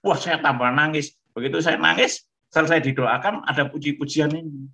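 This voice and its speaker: Lively pastor, bright voice. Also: male voice, a little high, fairly quick, vocal fry. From Malang, East Java. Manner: lively, acts out dialogue with shifting voices. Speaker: pastor giving his testimony. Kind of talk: animated storytelling testimony.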